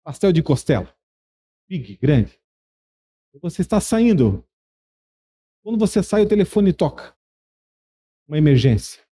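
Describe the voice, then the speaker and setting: A man's voice: on the high side, big pitch swings, measured pace, long pauses, dark tone, husky. A man preaching a sermon, emphatic and repetitive, asking the congregation rhetorical questions. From Brazil. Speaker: pastor.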